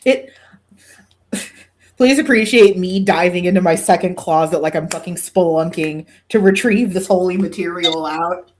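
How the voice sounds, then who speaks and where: A woman's voice: on the low side, measured pace, noisy background. A woman hosting a podcast in casual chat, swearing freely and poking fun at herself with dramatic exaggeration. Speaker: podcast host.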